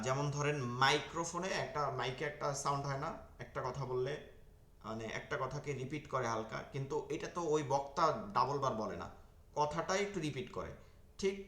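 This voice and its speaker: Step by step, a man shows online students where the tongue and teeth go for Quran pronunciation, repeating each Arabic letter sound again and again. His mid-range voice has a sharp tone, and the recording sounds roomy.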